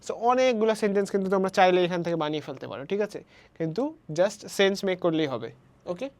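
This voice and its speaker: A woman from Bangladesh teaching a primary English lesson online. She mixes Bangla and English and reads the example sentences slowly. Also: lowish voice, expressive, darkish tone.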